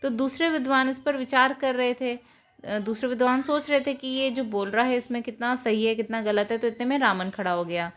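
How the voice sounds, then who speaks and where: Higher-voiced woman teacher retelling a story. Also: fairly quick. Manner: explains simply, retells and rephrases. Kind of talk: storytelling lesson for children.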